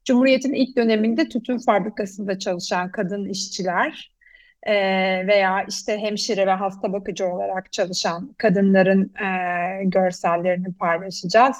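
Female talk host, medium pitch, explains with pauses, very dry sound. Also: fairly even intonation, dry recording. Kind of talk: semi-scripted programme presenting.

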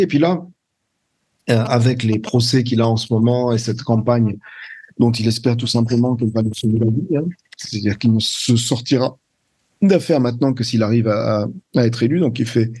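Older man with a dark husky voice. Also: medium pitch. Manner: hesitant, searching for words, many restarts. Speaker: translator, interview guest. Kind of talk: conversational interview.

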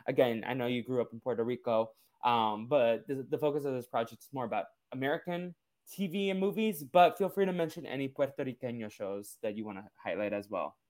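A man's voice: medium pitch, a little fast, a little mellow. A man from Brazil hosting a casual podcast interview, chatty and loose, with many fillers and restarts. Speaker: podcast host.

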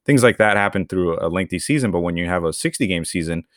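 A man's voice: deep voice, expressive, fast, fairly bright tone, dry recording, clean studio sound. A young man from Venezuela, co-hosting a podcast, explaining at length in a casual, rambling way. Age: young adult. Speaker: podcast co-host. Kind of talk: casual chat.

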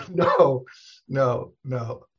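A man, a rabbi, telling stories in a casual, animated conversation, often chuckling and restarting his sentences. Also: mid-range voice, very slow, slightly rough, muffled recording.

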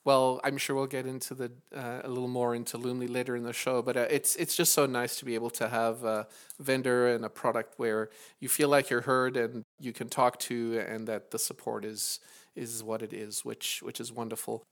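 A man's voice: medium pitch, level tone, normal speed. A man hosting a podcast, interviewing a guest in a friendly, upbeat way. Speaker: podcast host.

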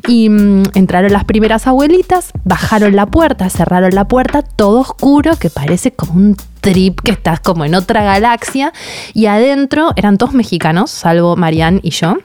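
Woman telling a story, animated. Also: mid-range voice, moderate pace. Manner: animated, laughs often while telling. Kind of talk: casual storytelling.

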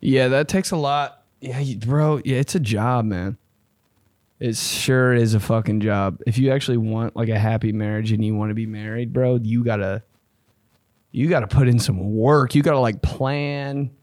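A man hosts a casual comedy chat dispensing advice, talking like a blunt, slangy, profane frat bro. His mid-range voice is a little mellow, with fairly even intonation and a moderate pace, recorded at studio quality with no room sound.

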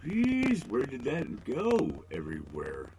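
A man's voice: medium pitch, huge pitch swings, slow pace, a little mellow, slight background noise, low-quality recording. A middle-aged man hosting a podcast alone, rambling with joking, self-deprecating asides. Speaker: podcast host. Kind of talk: casual solo podcast monologue.

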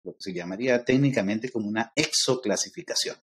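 A man's voice: on the low side, fast, fairly bright tone, slight background noise. Middle-aged man, Lima Peruvian accent, podcast guest, lecturing, filler-heavy. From Peru. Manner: lecturing, many fillers like "este" and "eh". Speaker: guest expert on interculturality. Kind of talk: explanatory podcast conversation.

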